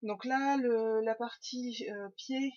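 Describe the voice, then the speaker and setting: A woman's voice: fairly high pitch, steady tone, slow, a little mellow, no echo, highs cut off. A woman hosting a knitting podcast, chatting casually to her webcam at home, rambling with lots of fillers and restarts. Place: home room.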